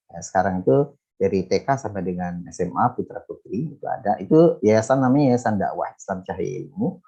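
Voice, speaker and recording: This middle-aged teacher, author and education manager chats informally in an interview about what he does, using many fillers. His voice is fairly low and dark in tone, with the top end of the recording cut off.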